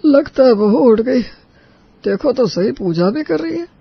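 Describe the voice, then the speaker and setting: A man's voice: very high-pitched, animated, measured pace, creaky, breathy edge, no room sound, lo-fi sound, heavily acted. A man voicing a cheerful, hearty middle-aged father-in-law in a cartoon. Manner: hearty, enthusiastic.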